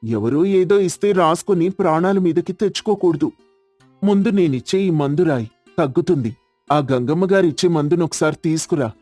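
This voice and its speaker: A man's voice: on the high side, animated, normal speed, a little mellow, dry recording, soft background music. A young man playing an earnest, determined village doctor. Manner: firm, earnest.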